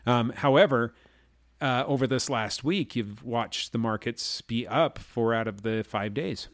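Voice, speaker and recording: A man casually explaining markets and trading, pausing to ask "okay?" and "all right?" as he goes. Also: medium pitch, no echo, studio quality. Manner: explains slowly with frequent "okay?" and "all right?" check-ins. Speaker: market commentator. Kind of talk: casual finance chat.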